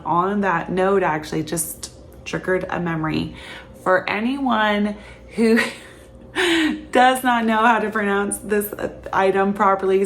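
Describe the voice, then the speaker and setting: A woman's voice: lowish voice, a little hiss or hum. A woman from Canada in her thirties, chatting casually to camera as a vlogger, tired and laughing often.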